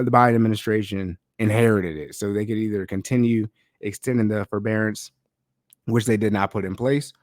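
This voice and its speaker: This podcast host talks on his own in a relaxed, slangy, chatty way, his lowish, darkish voice slightly stuffed up and nasal from a cold. The recording is dry and studio quality, made with a podcast mic.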